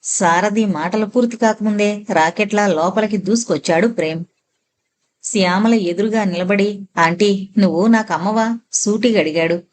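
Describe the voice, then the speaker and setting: A woman narrator reading a novel aloud in a steady, expressive storytelling manner. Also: medium pitch, moderate pace.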